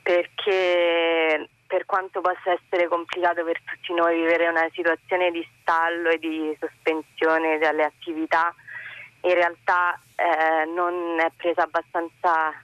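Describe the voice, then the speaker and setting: Radio phone-in caller, a woman from Rome, earnest, steady even delivery, muffled phone sound. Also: lowish voice, smooth, no room sound. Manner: earnest, searching for words with pauses. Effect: heard over a phone line. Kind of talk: phone-in comment on a call-in radio show. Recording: dull lo-fi phone line, dry.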